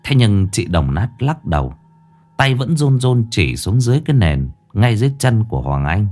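A man narrating a horror story in a dramatic, lively way. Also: fairly low pitch, normal speed.

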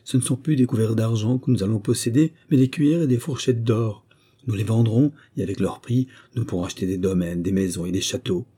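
A man voicing an eager, excited peasant woman in a storybook reading. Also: lowish voice, slightly rough. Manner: eager and hurried. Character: excited poor peasant wife, greedy for riches.

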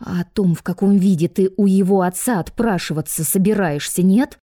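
A woman's voice: medium pitch, moderate pace, warm tone, dry recording, studio quality, close to an everyday voice. A woman voicing an exasperated young granddaughter who scolds in a curt way. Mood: scolding.

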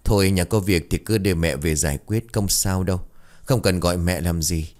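A frail older father speaks weakly from his hospital bed, as a man acts him out. The voice is low and the manner calm and faint. It is told as a spoken ghost story. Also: moderate pace, lightly acted. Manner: weak, calm.

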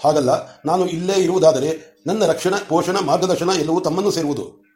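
A man's voice: a little high, fairly quick, darkish tone, roomy sound, faint music behind, lightly acted. Earnest young disciple woman, read by a man. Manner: earnest, respectful pleading.

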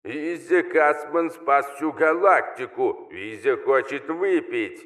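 A man's voice: fairly high pitch, slow, a bit bright, voice pushed up. A scruffy old healer, crude and joking, as a male reader plays him. He boasts in a slightly raised voice and swears casually. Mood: gruff.

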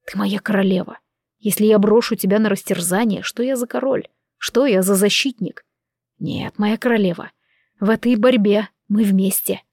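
A woman voicing a cold, detached male king who speaks in clipped, measured phrases in an audiobook. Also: mid-range voice, darkish tone, no room sound, clean studio sound, lightly acted.

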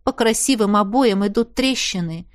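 A woman's voice: mid-range voice, moderate pace. A woman narrating a first-person story as an audiobook reader, intimate and emotional.

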